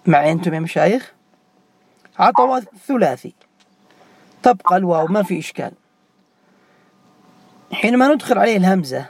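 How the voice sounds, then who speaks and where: A man's voice: sits high, no room sound. A man teaching a classroom grammar lesson, repeating key words and quizzing students by name.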